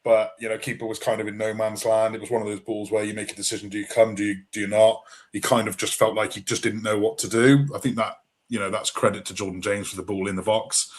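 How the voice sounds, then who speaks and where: Lower-voiced man musing on a match. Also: little pitch movement, quick pace. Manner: thoughtful, lots of fillers and tag questions. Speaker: co-host, referee. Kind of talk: casual football chat.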